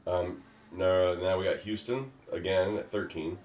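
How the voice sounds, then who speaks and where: A man hosting a casual discussion, talking in a halting way with many fillers. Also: sits low, steady tone, a little mellow, slight background noise. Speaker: host. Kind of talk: casual draft pick discussion. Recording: echoey room.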